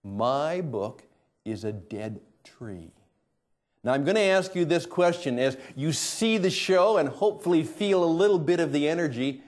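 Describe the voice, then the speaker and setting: A middle-aged man hosting a show from a studio floor, talking emphatically, swinging between loud and hushed lines. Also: on the high side. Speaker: host. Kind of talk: energetic presenting to camera.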